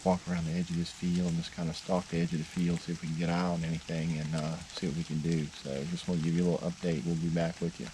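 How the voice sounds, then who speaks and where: A low-key, plain-spoken man hosting a hunting vlog, casually updating viewers from outdoors. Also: level tone, fast talker, hardly any pauses, noisy background. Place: outdoors in the field while hunting.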